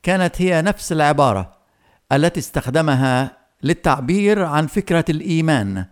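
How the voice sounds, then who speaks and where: A man preaching a sermon, speaking earnestly and slowly, addressing the listeners directly with questions. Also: fairly high pitch, clear, resonant tone.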